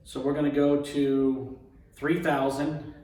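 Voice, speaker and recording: Taking it slowly, a man with a slightly high, warm voice and flat delivery plays craps caller, naming rolls, bets and payouts and muttering tallies as he repeats numbers. He's demonstrating a betting strategy. The room is echoey, the mic far off, and faint noise and clicks come through.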